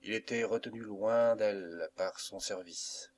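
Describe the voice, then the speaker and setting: Male narrator, low voice, measured classic-novel reading. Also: a little hiss or hum. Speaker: audiobook narrator.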